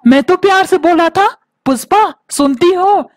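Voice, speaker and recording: A woman doing a squeaky bossy cartoon husband. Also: normal speed, darkish tone. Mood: scolding. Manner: scolding, barking orders. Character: bossy grumpy husband, middle-aged man, short-tempered. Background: background music.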